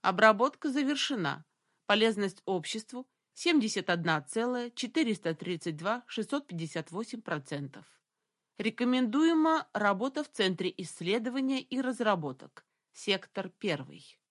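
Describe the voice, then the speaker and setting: A woman reading an audiobook gives voice to a lifeless metallic machine announcer that speaks slowly and loudly in a flat, mechanical way. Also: mid-range voice, no room sound, studio quality. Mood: cold, mechanical. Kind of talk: audiobook narration.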